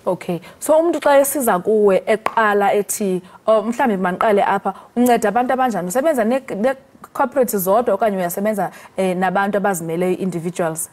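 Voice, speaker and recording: A woman's voice: mid-range voice, fast, a little mellow. A woman with a Xhosa South African accent, presenting and interviewing as a talk show host.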